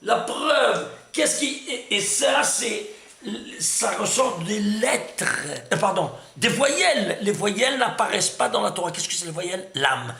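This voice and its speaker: A man teaching a Torah class to a room of listeners, lively and emphatic, often stopping to ask whether everyone follows. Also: high-pitched, a little slow, vocal fry, echoey room. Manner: lively and emphatic, full of restarts, asks "C'est clair?" often. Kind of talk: animated Torah lesson.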